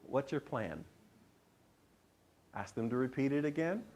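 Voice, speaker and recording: Middle-aged male lecturer, lively, questions the audience, medium pitch. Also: unhurried, slight background noise. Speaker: presentation skills teacher. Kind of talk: classroom lecture.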